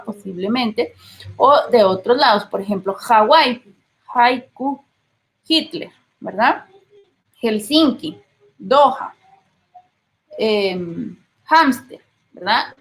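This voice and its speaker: This rough recording features a woman with a slightly high voice and a Guatemalan Spanish accent teaching a class. Her explanations are patient, and she keeps checking on her audience with frequent rhetorical questions.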